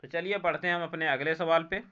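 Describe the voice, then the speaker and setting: A man's voice: fairly high pitch, fairly even intonation, fast talker, bright, forceful tone, muffled recording. A man with an Indian accent teaching an English textbook lesson, reading each English line and explaining it in Hindi, repeating every answer word. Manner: reads English lines then explains them in Hindi.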